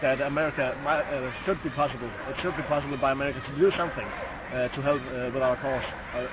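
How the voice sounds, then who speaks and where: A man's voice: mid-range voice, fairly even intonation, fast talker. A young man from Sri Lanka, interviewed outdoors at a demonstration, speaking hesitantly with many fillers and restarts. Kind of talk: street interview. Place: outdoors on a city street. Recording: tinny lo-fi recording with loud street noise.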